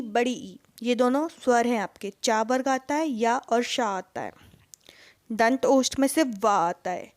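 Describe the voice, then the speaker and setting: Speaking in a high pitch, this female teacher runs an exam-prep session in Hindi mixed with English, asking questions she then answers on her own. The sound is clean and studio-quality, free of echo.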